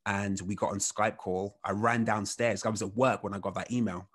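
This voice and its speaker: A man in his thirties, a guest on a podcast. He speaks in a fairly low voice and tells his story in a loose, rambling way, with many casual fillers. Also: moderate pace, husky. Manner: relaxed, rambling, heavy on "you know" fillers.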